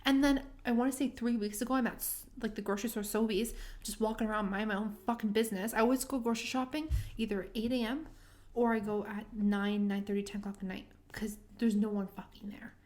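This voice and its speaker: A woman's voice: medium pitch, steady tone, fast talker, a little mellow. A young woman in her twenties co-hosting a casual podcast, telling dating stories with lots of swearing and acted-out quotes. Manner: storytelling, swearing, acting out quoted dialogue. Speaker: podcast co-host. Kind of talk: casual chat.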